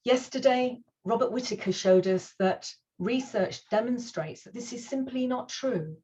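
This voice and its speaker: A woman's voice: a little high, a little slow, darkish tone, husky, lo-fi sound. A woman hosting an online conference over a video call, speaking in an earnest, reassuring way as she opens the day and introduces the first speaker. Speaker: conference host.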